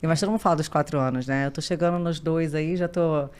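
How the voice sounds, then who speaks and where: A woman hosting a podcast, chatty and expressive in a casual interview. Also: deep voice, fast talker, clear, resonant tone. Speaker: podcast host.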